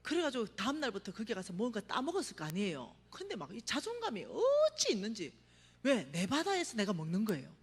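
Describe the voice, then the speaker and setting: Woman preacher, middle-aged, testimony sermon, dramatic storytelling, very expressive pitch, echoing church sanctuary. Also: fairly quick, breathy edge. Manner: animated storytelling, acts out her own cries, drops to a hush for emphasis. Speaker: revival meeting speaker. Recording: reverberant church hall.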